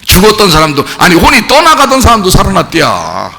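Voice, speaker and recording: A man's voice: high voice, wildly swooping pitch, a little fast, gravelly, bright, forceful tone. A man preaching a sermon as pastor, firing emphatic, repetitive questions at the congregation in call-and-response. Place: church sanctuary. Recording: long church hall reverb.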